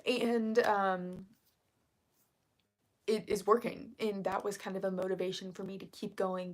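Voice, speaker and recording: A woman with heavy vocal fry keeps her voice down as she chats casually on a livestream, reading aloud and answering viewers. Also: medium pitch. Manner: keeping her voice kept down and quiet. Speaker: live stream host.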